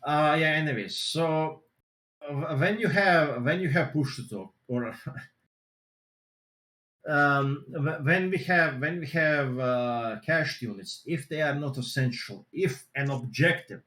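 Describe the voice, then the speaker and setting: A man's voice: a little high, slow, sharp tone, reverberant. Man explaining things over group voice chat. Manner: loose, filler-heavy explaining with many "you know"s. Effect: group voice chat audio. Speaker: seminar presenter.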